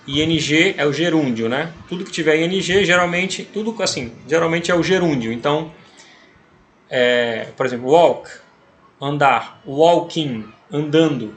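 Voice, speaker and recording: A man from Brazil teaching English by reading a story aloud and explaining it slowly and patiently, often checking that the listener follows. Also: on the high side. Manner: slow and patient, with frequent checking tags. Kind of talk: explaining a text as an English lesson.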